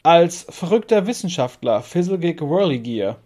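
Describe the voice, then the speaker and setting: A man's voice: a little high, expressive, moderate pace, mellow. A man hosting a show, delivering scripted narration to introduce a guest. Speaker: show host.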